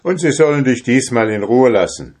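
A man's voice: mid-range voice, expressive, normal speed, darkish tone, slightly rough, pitched above the performer's own voice. A man doing a fearless, cunning young drummer.

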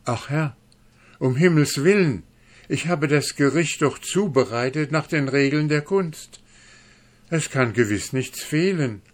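A man's voice: on the high side, expressive, a little slow, pitched above the performer's own voice. A man voicing a small, frightened dwarf cook who pleads for his life in an audiobook. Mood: begging. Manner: pleading, trembling. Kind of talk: audiobook character reading.

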